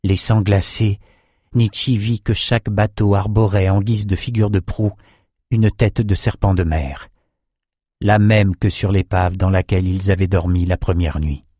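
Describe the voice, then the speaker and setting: A man narrating a fantasy audiobook with even, measured storytelling. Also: low-pitched, no echo, studio quality.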